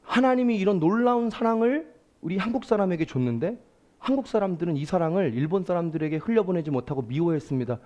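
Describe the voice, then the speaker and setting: Korean pastor guy preaching, high voice that swings up and down a lot, really emphatic. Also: expressive, quick pace, darkish tone, a little hiss or hum. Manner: emphatic, calls out to the congregation. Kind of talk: Sunday sermon. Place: church.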